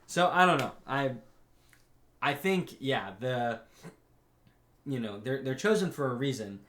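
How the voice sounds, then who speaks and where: A man co-hosts a casual anime podcast, rambling with lots of restarts and a bit of swearing, and he acts out characters' lines in quick asides. His voice is medium-pitched, animated and fairly bright. The room gives the recording a noticeable echo.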